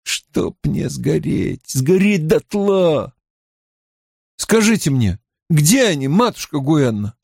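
An eager, insistent young man, as a male narrator plays him, pushing his voice higher with animated swings. He presses urgently and demandingly, heard close and dry in an audiobook. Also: moderate pace, dry recording. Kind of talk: audiobook character voice.

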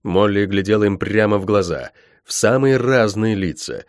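A man reading an audiobook aloud in expressive, dramatic scripted narration. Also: fairly low pitch, moderate pace, no echo, clean studio sound. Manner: dramatic, varied delivery. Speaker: audiobook reader.

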